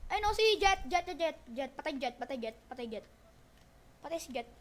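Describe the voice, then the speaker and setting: A woman with a very high voice chats through an online shooter match, calling out enemies in quick repeated bursts. Her tone swings between urgent and teasing as she talks to teammates. A faint hiss and clicking run under her voice. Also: animated. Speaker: gamer streaming a shooter match. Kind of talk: casual gameplay chatter with teammates.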